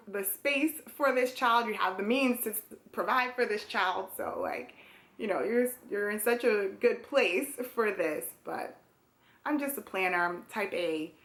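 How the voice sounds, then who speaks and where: A woman's voice: mid-range voice, fairly bright tone. Chatty young woman telling a story. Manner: chatty, many "like" fillers, frequent small laughs. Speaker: vlogger. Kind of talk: casual storytelling to camera.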